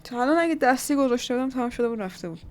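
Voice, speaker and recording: A woman's voice: fairly high pitch, animated, slight background noise. Woman host, casual work-along commentary, muttering, thinking aloud. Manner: muttering to herself, trying things out. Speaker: 3D artist and channel host.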